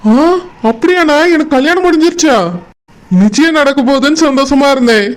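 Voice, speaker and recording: A man voicing a young village groom in a cartoon, with a Kanyakumari Tamil accent and a strained, high cartoon delivery. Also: brisk. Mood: puzzled. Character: young village groom, bewildered then angry. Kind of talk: cartoon voice acting.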